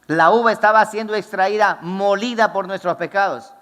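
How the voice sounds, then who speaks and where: A man's voice: sits high, normal speed, fairly bright tone, long reverb tail. A male pastor preaching a fervent, emphatic sermon to a congregation in a church.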